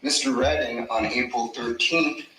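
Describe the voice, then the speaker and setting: A man speaking as a defense attorney, addressing a jury with emphatic, deliberate repetition of key phrases. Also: mid-range voice, steady tone, sharp tone. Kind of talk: courtroom opening argument to a jury. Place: courtroom. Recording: echoey courtroom, clear background noise.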